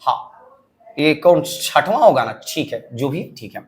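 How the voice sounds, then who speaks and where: A man teaching English grammar in a lecture, explaining step by step and often asking the class if it is clear. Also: a little high, a little slow. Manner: lively explaining, asks frequent checking questions.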